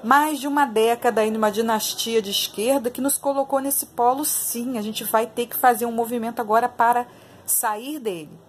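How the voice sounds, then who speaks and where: A woman's voice: a little high, slight background noise. A Brazilian woman giving opinionated, emphatic commentary to her viewers in a casual spoken style, repeating phrases for emphasis. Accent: Brazilian Portuguese. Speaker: online political commentator.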